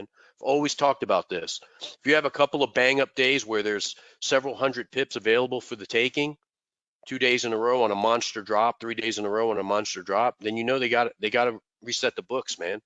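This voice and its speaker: Here a man teaches trading in a loose live stream through a desk mic, rambling with a congested sound and frequently repeating himself. His voice is mid-range and slightly bright, though the audio comes across dull with no room sound.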